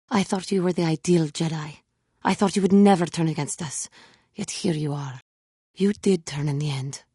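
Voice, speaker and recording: Dark-toned and very husky, with a voice on the low side, a proud female fallen Jedi voices dramatic video game lines. Her solemn, formal, deliberate speech skips contractions and conveys a tormented, repentant guilt. The clean studio recording is dry, with little room sound.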